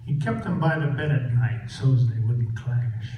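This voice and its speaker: A man's voice: mid-range voice, measured pace, dull audio. A man with a cowboy twang performs folksy tall-tale poetry at a live event. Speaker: cowboy poet. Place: echoey room, live event. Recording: echoey hall from far off, loud noise.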